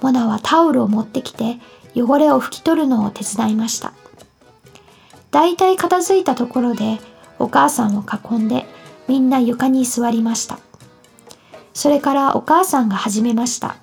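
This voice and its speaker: Give me a woman calmly reading a children's story. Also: on the high side, moderate pace, vocal fry, faint music behind. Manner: calm, even storytelling.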